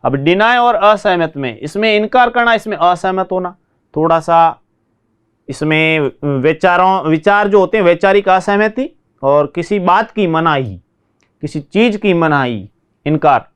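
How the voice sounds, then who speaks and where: A man teaching English vocabulary in a classroom lesson, repeating word pairs slowly and explaining them in Hindi. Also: high-pitched, expressive, a bit bright, clean tone.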